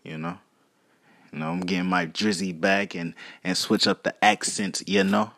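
A man's voice: sits low, fairly even intonation, normal speed, creaky, fairly bright tone, dry recording. A man hosting a casual solo podcast, rambling in slangy, foul-mouthed talk. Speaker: podcast host.

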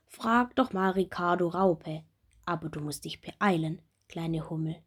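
Wise, kindly pastor fly, read by a woman; calm, slow, breathy storybook voice. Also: fairly low pitch. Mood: gentle.

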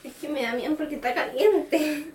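A teenage girl with a Chilean accent, co-hosting a casual podcast in quick, chatty talk. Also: high voice, a little hiss or hum. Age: teens. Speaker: podcast co-host. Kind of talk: casual chat.

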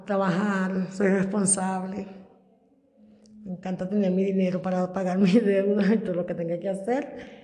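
A woman in her fifties from Venezuela, giving an earnest, unhurried personal testimony as a migrant worker. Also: mid-range voice, flat delivery, mellow, in a large hall. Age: 50s.

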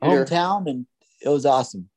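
A man's voice: mid-range voice, brisk, a little mellow. A man from Pennsylvania, the show's producer, chatting in an easygoing, matter-of-fact way. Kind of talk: casual podcast chat.

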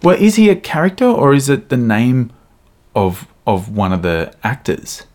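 A man co-hosting a podcast, chatting excitedly about favourite film moments and laughing often. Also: mid-range voice, normal speed. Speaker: podcast co-host. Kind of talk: casual film review chat.

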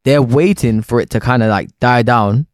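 A man's voice: mid-range voice, moderate pace, no room sound, studio quality. A young man with a London roadman accent and slang, debating casually.

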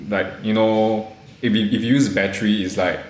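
Low-pitched Singaporean man speaking casual Singlish. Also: steady tone, moderate pace. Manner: Singlish, colloquial particles and clipped grammar. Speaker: podcast co-host. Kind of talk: casual podcast chat. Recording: roomy, echoey sound.

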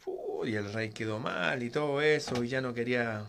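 A man tells a folk tale aloud in a relaxed, conversational way. His voice sits at an ordinary middle pitch, and he often breaks off into side remarks before picking the story back up. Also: normal speed, vocal fry. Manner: digressive, conversational asides. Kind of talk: casual oral storytelling.

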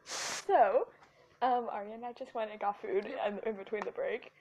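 A woman's voice: mid-range voice, steady tone, moderate pace, darkish tone, a little hiss or hum, rough recording. A woman co-hosting a casual podcast, chatty and giggly, talking over a headset mic. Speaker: podcast co-host. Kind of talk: casual chat. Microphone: headphones with mic.

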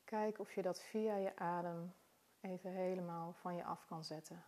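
Female meditation guide: soft, calm, mellow delivery, slightly low register, unhurried with long pauses. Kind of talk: guided body-scan meditation.

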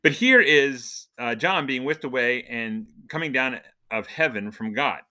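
In a relaxed, unhurried way, a male podcast host walks through a Bible lesson, explaining as he goes and asking questions he answers himself. His medium-pitched voice carries lively intonation and a sharp tone.

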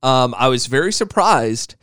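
A man's voice: medium pitch, expressive, measured pace, a bit bright, dry recording, studio quality. A man, co-hosting a podcast in casual, joking chat. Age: 20s. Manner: joking, teasing. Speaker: podcast co-host.

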